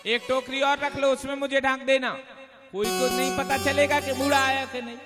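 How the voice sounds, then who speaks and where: Preacher voicing a shrewd old village man, high voice, hall echo and music. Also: flat delivery, normal speed. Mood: scheming.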